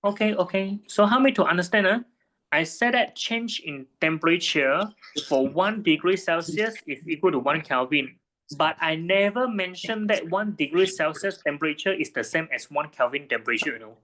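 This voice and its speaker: A man's voice: fairly high pitch, animated, normal speed, pushed and bright. A man tutoring a student one-on-one in physics, patiently checking her understanding with frequent tag questions.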